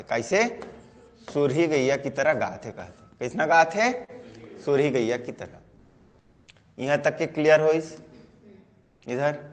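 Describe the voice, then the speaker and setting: A man's voice: on the high side, long reverb tail. A male teacher with a Chhattisgarhi accent, giving an online class and quizzing students with repeated call-and-response chants. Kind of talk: online class mnemonic lesson.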